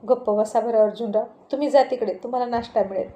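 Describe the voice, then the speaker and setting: A woman narrator voices a good-humored housewife who shyly scolds her teasing husband. The tone is soft, mellow and a little high. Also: steady tone, fast, natural voice. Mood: affectionate. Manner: laughing, scolding gently.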